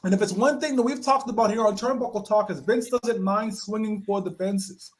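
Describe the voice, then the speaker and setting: A man's voice: high-pitched, steady tone, a little fast. A man hosting a wrestling podcast, leading his panel with an emphatic, showman-style delivery. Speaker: podcast host. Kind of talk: casual podcast chat.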